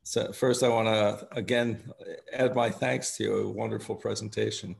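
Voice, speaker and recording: A man's voice: fairly low pitch, steady tone, moderate pace, gravelly. A man politely asking careful questions during a patient video call.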